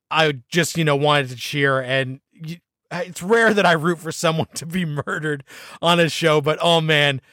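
A man co-hosting a casual TV recap chat, talking with eager, animated enthusiasm. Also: on the high side, dry recording, studio quality. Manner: enthusiastic, animated fan talk. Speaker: podcast co-host.

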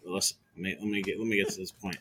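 A young man telling a profane bar story in casual chat, getting loud when heated. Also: low voice, fairly even intonation, very fast, a little hiss or hum.

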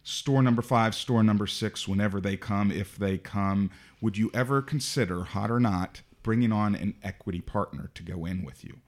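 Male podcast host, deep voice, measured advice-giver. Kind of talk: casual interview conversation.

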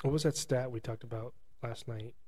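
A man's voice: mid-range voice, steady tone, fairly quick, a little mellow. A man co-hosting a casual chat, asking short questions and teasing his friend.

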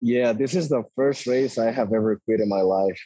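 A man's voice: medium pitch, moderate pace, dark tone, slightly rough, dry recording, rough recording. A man in his twenties from Costa Rica with a Costa Rican Spanish accent, a native Spanish speaker talking easygoingly as an interview guest, often hedging with "like". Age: 20s. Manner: easygoing, laughs often, hedges with like. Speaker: guest, ATV racer. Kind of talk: casual interview.

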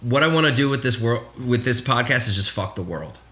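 A man's voice: mid-range voice, animated, brisk, bright, forceful tone. A man in his late twenties, co-hosting a casual podcast chat, rambling candidly and swearing freely. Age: 20s. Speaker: podcast co-host.

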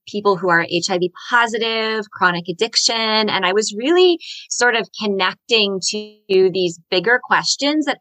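A woman speaks as a podcast guest in a reflective, explanatory way. Her voice is bright and forward, recorded very dry. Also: mid-range voice, dry recording, low-quality recording. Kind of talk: reflective interview talk.

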